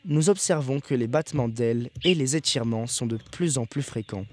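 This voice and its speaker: Male nature documentary narrator, mid-pitched, some noise. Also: lively intonation, moderate pace.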